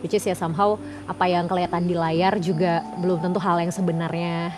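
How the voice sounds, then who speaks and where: A woman's voice: on the low side, little pitch movement, a little fast, music in the background. Affirming woman interviewer. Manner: affirming, mixes in English phrases. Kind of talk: casual interview.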